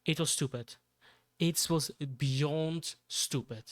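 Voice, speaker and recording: Slow-talking Belgian man, rambling. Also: fairly high pitch, a bit bright. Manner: rambling, laughs often, repeats himself. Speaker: streamer. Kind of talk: casual chat.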